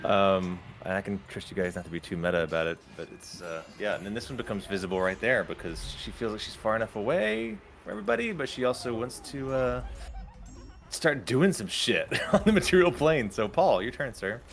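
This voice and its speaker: A man's voice: on the low side, lively intonation, a little fast, slight background noise. A man running a tabletop game as game master, talking in a rambling, hesitant way and swearing casually.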